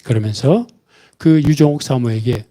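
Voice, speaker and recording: A man's voice: medium pitch, normal speed, dark tone. A male pastor preaching a Sunday sermon, telling a story and acting out the voices of the people in it.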